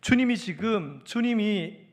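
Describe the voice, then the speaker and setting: A man preaching a sermon as a pastor, telling the story in an animated, engaging way. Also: high-pitched, measured pace.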